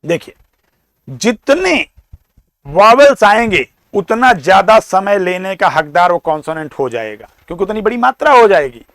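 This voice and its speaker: High-voiced Indian man teaching grammar. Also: big pitch swings, fairly bright tone, dry recording. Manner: explains slowly, repeating and sounding out words. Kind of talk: classroom lecture.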